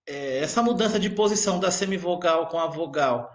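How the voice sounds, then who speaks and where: A confused student pipes up with hesitant, halting questions. The voice sits well above a man's usual pitch and sounds bright and eager, as a male teacher puts it on. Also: lightly acted. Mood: puzzled. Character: puzzled student asking the teacher.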